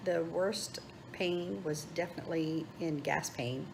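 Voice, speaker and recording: A woman's voice: deep voice, unhurried, gravelly. A woman giving a casual vlog update as a patient, sounding subdued and weary after surgery. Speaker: patient vlogging her surgery recovery. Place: hospital room and corridor. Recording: noisy room sound.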